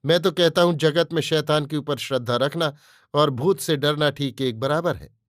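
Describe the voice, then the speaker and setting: A man's voice: fairly high pitch, normal speed, no echo, studio quality, lightly acted. A man voicing a fiery young male nationalist who lectures his friend emphatically in a storybook reading. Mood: urgent. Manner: emphatic, preaching.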